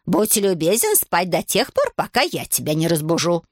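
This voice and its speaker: A woman's voice: fairly low pitch, wildly swooping pitch, moderate pace, dry recording, clean studio sound. Woman playing a bossy old grandmother. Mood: scolding.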